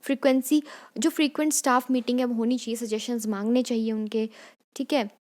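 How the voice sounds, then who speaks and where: A woman's voice: on the high side, steady tone, brisk, a little mellow. A young woman from Himachal Pradesh giving an exam-prep lecture, explaining step by step and often checking in with "theek hai". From Kangra district, Himachal Pradesh, India. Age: young adult. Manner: explanatory, repeats "theek hai" often, mixes Hindi and English. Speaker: teacher.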